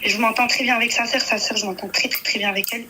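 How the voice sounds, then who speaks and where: A young woman calling a radio show, shaken and hesitant, halting with many fillers. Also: fairly high pitch, steady tone, pushed and bright, a little hiss or hum, low-quality recording. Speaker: caller. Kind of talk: phone-in confession.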